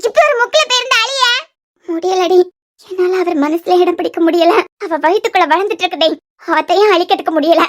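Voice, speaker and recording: A woman voicing a tearful scheming young woman. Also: fairly quick. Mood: bitter. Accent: Kanyakumari Tamil. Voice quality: very high-pitched. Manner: pleading, self-pitying. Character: heartbroken scheming young woman, obsessive and vengeful. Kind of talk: cartoon serial voice acting.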